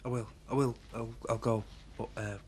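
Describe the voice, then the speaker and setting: An actor playing a calm, persistent man in a television soap drama, speaking quietly. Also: medium pitch, moderate pace, slight background noise, close to an everyday voice.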